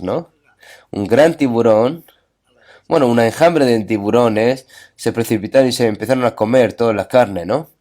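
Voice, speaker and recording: Speaking at a middle pitch with a darkish tone, a male preacher weaves scripture readings together with retold stories. He poses rhetorical questions and keeps checking in with listeners through short asides.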